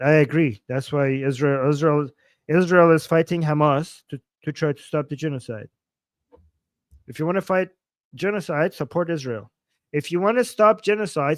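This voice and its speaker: Reading his viewers' comments aloud, a fortysomething man hosting a laid-back livestream reacts playfully, chuckling and repeating himself frequently. His voice sits a little high, with no echo.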